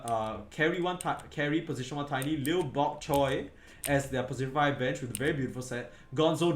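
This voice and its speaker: A tired man casting an esports match, rambling, correcting himself mid-sentence and leaning on fillers. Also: mid-range voice. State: tired, yawning. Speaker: esports caster. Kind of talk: casual game commentary. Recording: echoey room with faint background noise.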